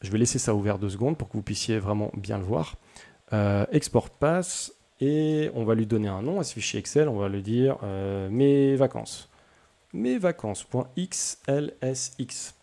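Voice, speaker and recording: A man's voice: medium pitch, animated, unhurried, vocal fry, mellow. A young man hosting a casual coding tutorial, chatty and self-deprecating, with many hesitations.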